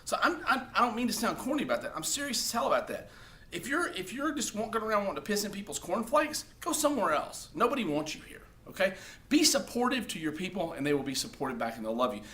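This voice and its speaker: Fast and very animated, a high-voiced man with a sharp tone offers blunt, profane advice for social media while talking casually to the camera. He keeps tagging his points with "okay?".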